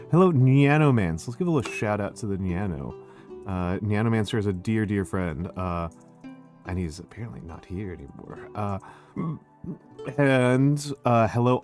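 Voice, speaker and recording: A man with a fairly low voice and a Northeastern American accent hosts a casual livestream over music. He puts on a smooth, measured public-speaker delivery, like a teacher at a podium, while often pausing and repeating himself. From Northeastern United States. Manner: halting, repeats phrases. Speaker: livestream host. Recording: music behind the voice.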